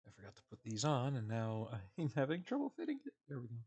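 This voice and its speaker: A man talks to his live stream viewers from home as he works on a model kit. His speech is relaxed and meandering, scattered with fillers and soft chuckles. His voice sits at an everyday, middle pitch. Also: quick pace, husky. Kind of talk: casual chat with a live stream audience.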